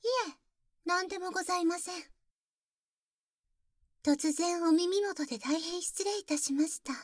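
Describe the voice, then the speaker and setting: A woman's voice: very high voice, flat delivery, fast talker, a bit bright, no room sound. A woman voicing a polite but jealous young maid in an ASMR roleplay, speaking very formally and whispering close to the ear. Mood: teasing, jealous. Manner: very formal, deferential speech with teasing jabs. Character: polite, jealous young maid who calls herself boku. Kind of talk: ASMR roleplay audio drama.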